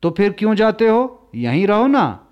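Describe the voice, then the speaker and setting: A man voicing a curious, tender-hearted young girl who asks bright, pleading questions in a storybook reading. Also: high-pitched, sing-song, unhurried, highs cut off, pitched above the performer's own voice.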